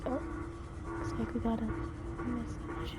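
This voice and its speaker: A woman's voice: on the high side, monotone, takes it slowly, over loud music. A woman hosting a video game walkthrough with informal, step-by-step commentary and instructions. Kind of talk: casual gameplay commentary and instructions. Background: game sound.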